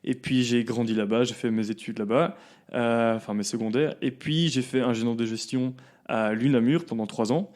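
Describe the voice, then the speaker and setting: A young founder in his twenties, talking as a podcast guest. His voice sits at a middle pitch, and his delivery is relaxed and chatty, with plenty of fillers. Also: normal speed. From southern Belgium. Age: 20s. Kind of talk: casual interview chat.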